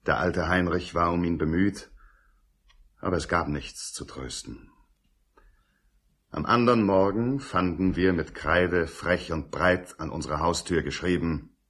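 A man narrates his family's past in a scripted radio drama. The voice is deep and breathy, with grave, wistful storytelling. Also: fairly bright tone.

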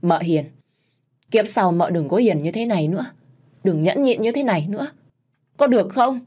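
A woman's voice: fairly low pitch, moderate pace, warm tone, lightly acted. A woman voicing an anxious young heroine who speaks politely to her elders. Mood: anguished.

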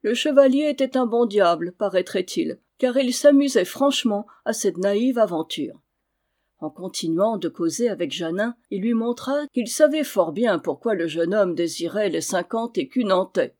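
Even-paced audiobook narrator. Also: mid-range voice, normal speed.

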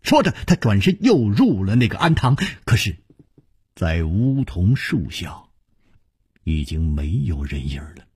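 A man narrating a martial arts story in a traditional storytelling style, with slow, animated, dramatic phrasing. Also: sits low, husky, no room sound, studio quality.

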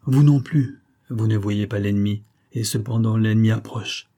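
Man reading an old doom-saying sorcerer, husky and mellow, solemn. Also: fairly low pitch, fairly even intonation, normal speed. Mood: despairing. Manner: solemn, prophetic warnings.

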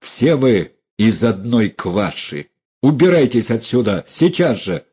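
A man's voice: mid-range voice, sing-song, slow, warm tone, slightly rough, heavily acted. A man voicing a furious, defiant young woman who hurls scornful accusations at her relatives.

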